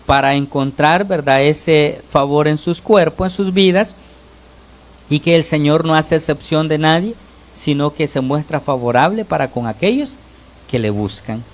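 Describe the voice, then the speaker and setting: This is a sermon from a lay preacher from El Salvador. Between phrases his voice climbs and drops steeply in pitch and loudness, and he keeps pausing to turn to the brothers and ask "¿verdad?"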